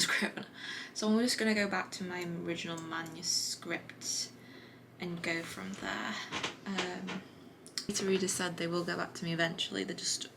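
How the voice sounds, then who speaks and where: A woman chatting casually in a writing vlog from her desk at home, relaxed and full of little fillers and restarts. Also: fairly low pitch, background noise. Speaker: writing vlogger.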